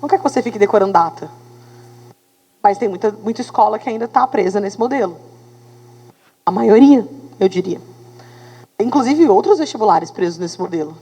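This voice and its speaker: A woman teacher with a Brazilian Portuguese accent, giving an animated classroom lecture and checking in with her students as she goes. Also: mid-range voice, a little fast, pauses often, husky, long reverb tail, low-quality recording. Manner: animated, talks to students with tag questions.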